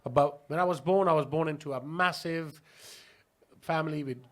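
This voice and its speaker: Man, from Pakistan, podcast guest, slightly high voice, rambling, laughs a lot. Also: normal speed. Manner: chatty, laughing, many restarts. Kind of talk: casual interview storytelling.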